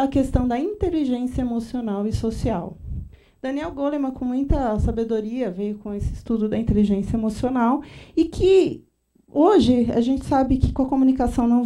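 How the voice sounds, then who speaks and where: High-voiced Brazilian woman trainer. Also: moderate pace, recorded from a distance. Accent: Brazilian Portuguese. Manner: lively, acts out little dialogues. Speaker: corporate trainer. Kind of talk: training talk.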